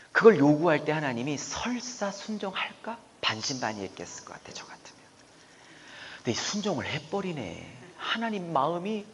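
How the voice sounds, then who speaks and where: A middle-aged man preaching a sermon as pastor, animated, swinging between soft murmurs and loud exclamations. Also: fairly high pitch, long reverb tail. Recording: dull lo-fi recording with faint room noise.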